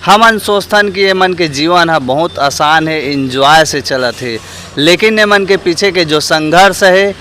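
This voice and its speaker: Bright and forceful in tone, a slightly high male voice speaks at a measured pace over slight background noise. The man, a Chhattisgarhi-accented vlog host and street interviewer from Chhattisgarh, India, earnestly addresses his viewers as friends while asking public opinion questions.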